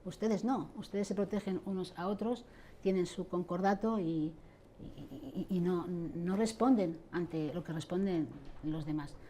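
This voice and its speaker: A woman's voice: on the low side, unhurried, mellow, slight background noise. Impassioned woman, indignant. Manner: impassioned, indignant, addresses church leaders directly. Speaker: interviewee, abuse survivor advocate. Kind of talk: interview answers.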